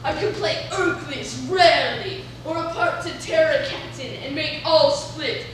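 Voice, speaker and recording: A very high-voiced, boastful weaver played by a woman declaims grandly and slowly in a stage Shakespeare comedy. The sound is distant and swimming in echo. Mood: grandiose. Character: boastful, stagestruck male weaver eager for every part. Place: echoey performance space, recorded from a distance. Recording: echoey, noisy hall from far off.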